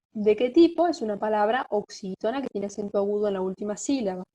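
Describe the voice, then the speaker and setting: A woman teacher giving a recorded lesson in a patient, methodical way, often checking in with a quick question. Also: fairly high pitch, darkish tone, poor audio. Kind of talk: recorded lesson on Greek grammar.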